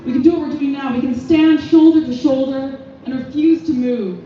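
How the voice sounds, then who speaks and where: A young woman giving an impassioned rally speech at an outdoor street protest, forceful and full of repeated phrases. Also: sits high, steady tone, normal speed, a little hiss or hum. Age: young adult. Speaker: youth activist speaker. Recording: echoey, distant, muffled outdoor PA sound.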